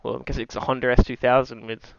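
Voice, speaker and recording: An Australian game streamer from New South Wales speaks fast in a creaky, mid-range voice with flat delivery. The audio is dull with no room sound, though loud racing game music and car sounds play behind. He chats casually like a bloke, using slang and the odd mild swear.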